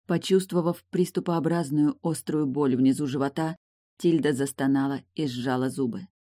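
A woman reading a novel aloud in an even, measured way. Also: deep voice, no room sound, clean studio sound. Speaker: audiobook reader. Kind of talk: audiobook narration.

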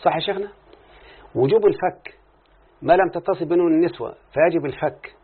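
This classroom grammar lesson, recorded with a muffled phone-like quality, comes from a man with an Egyptian Arabic accent. His husky voice sits on the high side and moves a little fast as he works through examples and keeps making sure the listener keeps up.

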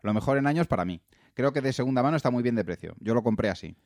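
A man's voice: medium pitch, animated, racing, a little mellow, dry recording. Man reading aloud, very dry sound. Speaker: podcast co-host. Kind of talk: reading listener comments aloud with casual asides.

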